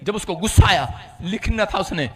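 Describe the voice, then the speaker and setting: A man preaching a sermon as pastor, swinging from loud shouts to hushed storytelling, with a congregation around him. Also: high voice, animated, moderate pace.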